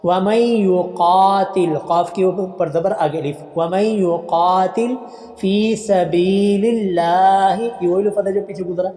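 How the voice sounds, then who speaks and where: A male Quran teacher with a Pakistani Urdu accent works through a lesson, chanting each phrase in slow, drawn-out syllables before correcting the pronunciation plainly. His voice is dark and mellow. The recording rings in an echoey room with long reverb. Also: sits high. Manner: drawn-out, slowed recitation of each phrase, then calm correction. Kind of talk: slow tajweed lesson, reciting then explaining.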